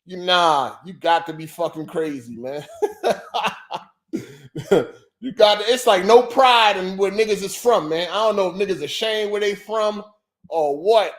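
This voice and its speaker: A man's voice: high-pitched, a little slow. A man hosting a casual podcast livestream, talking loosely and profanely and repeating himself for effect. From Philadelphia. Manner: loose, profane, repetitive banter. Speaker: podcast host.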